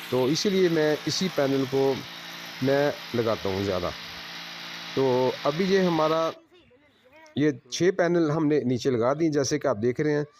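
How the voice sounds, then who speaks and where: A man working as a solar installer, giving a plain, unhurried on-site explanation of his work to viewers at a house. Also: medium pitch, background noise.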